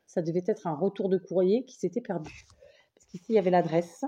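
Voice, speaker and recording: A woman's voice: lowish voice, brisk, dark tone, breathy edge, lo-fi sound. A woman from France chatting casually to camera while showing a parcel of craft paper, thinking aloud and saying again and again how much she loves each piece. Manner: enthusiastic, keeps saying she loves things; thinks aloud, restarts and trails off. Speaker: vlogger showing mail she received. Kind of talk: casual unboxing chat to camera.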